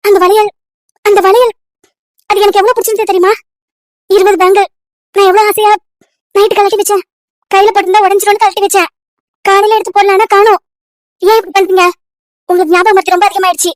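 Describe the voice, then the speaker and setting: A woman's voice: extremely high pitch, flat delivery, fast talker, pauses often, dry recording, clean studio sound. A woman voicing a young married woman in a cartoon story, anxious and pleading, repeating her questions over and over. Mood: distressed.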